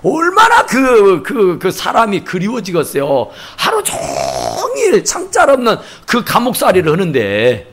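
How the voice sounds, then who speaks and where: A male pastor delivers a sermon in a church, telling a story with animated swings of pitch. His voice sits high for a man and has a husky edge. He acts out the people in his stories as he goes. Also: a little slow, hardly any pauses. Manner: animated storytelling, acting out quotes. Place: church sanctuary.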